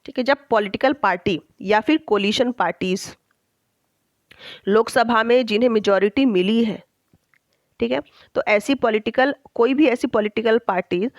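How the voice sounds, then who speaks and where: A woman teacher explaining a textbook chapter, reading English lines slowly and checking in often with her students. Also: medium pitch, no room sound, rough recording. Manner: slow, deliberate reading of English lines, with frequent check-ins.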